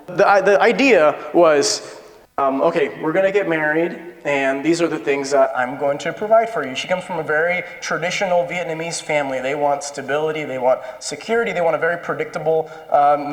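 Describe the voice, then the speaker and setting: A man with an American accent, born in Peru and raised in the United States, speaks in a slightly high, slightly quick voice. He's a dental implant surgeon giving a casual, conversational lecture full of self-deprecating humor and personal stories to an audience indoors. The hall is echoey, with a long reverb tail.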